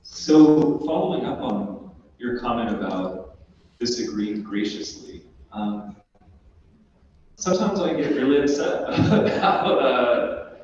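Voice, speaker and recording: A man's voice: mid-range voice, animated, slow pace, darkish tone, slight background noise. Man, audience member posing a question; far from the mic, very echoey, dull sound. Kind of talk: spoken question from the floor. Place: church hall.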